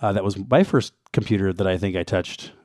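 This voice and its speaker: A man's voice: sits low, brisk, darkish tone, no room sound, clean studio sound. A man co-hosting a casual retro gaming podcast, presenting background notes with wry, joking asides. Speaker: co-host giving game background.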